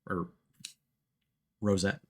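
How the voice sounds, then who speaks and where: A game streamer gives casual live commentary on his gameplay, frequently thinking out loud in a halting way.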